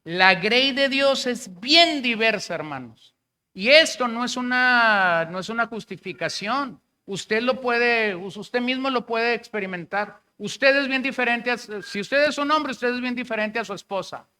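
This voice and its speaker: A man's voice: very high-pitched, unhurried, sharp tone, smooth. A man with a Mexican Spanish accent preaching a sermon as pastor, in a conversational way, acting out the words of the people he quotes.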